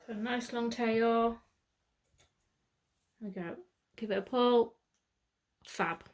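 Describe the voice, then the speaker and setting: A British woman walks through a sewing tutorial step by step, chatting casually and correcting herself as she goes. Her voice sits on the high side, with a steady tone and a slow pace, and she seems to think aloud.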